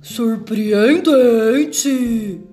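Woman voicing the slow, dark Gruffalo. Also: on the high side, expressive, soft background music. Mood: hungry, amazed. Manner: slow drawn-out delivery. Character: big hungry gruffalo, slow and boastful. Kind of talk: storybook reading.

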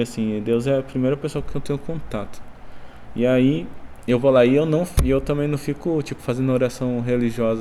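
Man with a soft, mellow voice telling a reflective testimony. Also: mid-range voice, slight background noise. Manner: reflective, repeats himself, many "né?" tags. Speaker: believer sharing a personal testimony. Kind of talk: emotional personal testimony.

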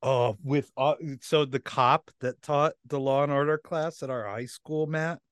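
A young man co-hosting a podcast, relaxed and agreeable, adding dry jokes to shared school memories. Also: medium pitch, a little slow, smooth, no room sound. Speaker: podcast co-host. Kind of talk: casual chat.

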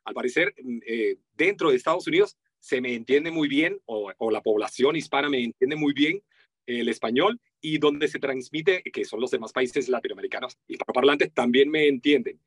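A man's voice: normal speed, breathy edge, no room sound. A man with a Venezuelan accent, a voice-over artist talking animatedly in an interview and acting out the voices he quotes. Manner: animated, acts out quoted voices with big pitch jumps. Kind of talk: casual interview talk.

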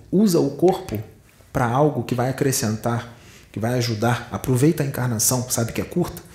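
A man's voice: medium pitch, mellow. A man with a Brazilian Portuguese accent giving a spiritual teaching talk, telling vivid stories and speaking straight to his listeners. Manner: dramatic storytelling, addressing listeners directly. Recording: roomy echo.

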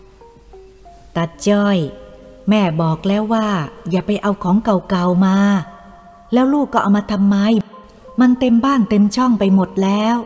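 A woman's voice: medium pitch, measured pace, pauses often, darkish tone, lightly acted. A woman voicing an elderly mother who scolds her grown son but is fond and teasing, in an echoey room with faint music behind. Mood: scolding. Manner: scolding then playful, motherly.

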